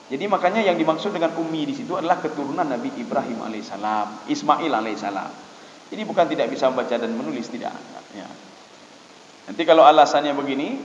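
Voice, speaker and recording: Male preacher, quick conversational sermon, fairly high voice, dull lo-fi hall recording with faint hiss. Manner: conversational, addresses listeners as Pak, acts out dialogues.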